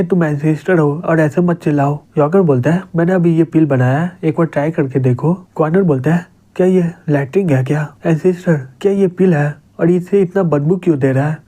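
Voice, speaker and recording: A man narrating a comic story recap, reading every character's lines in a plain, even storytelling voice. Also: a little high.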